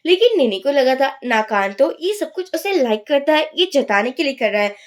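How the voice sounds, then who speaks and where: High-voiced woman recapping a drama. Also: big pitch swings, moderate pace. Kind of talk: storytelling recap.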